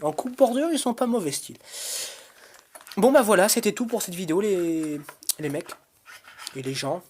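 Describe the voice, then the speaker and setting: Here a channel host with a high-sitting, expressive voice goes over his brush cutter at a moderate pace, with a little hiss or hum in the recording. It's a chatty, frank product vlog where he keeps hesitating, restarting, and calling viewers "guys."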